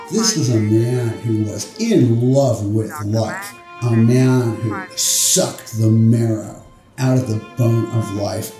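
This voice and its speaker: A man telling stories about his father in an expressive, personal way, with soft music behind him. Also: medium pitch, reverberant. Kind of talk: personal storytelling.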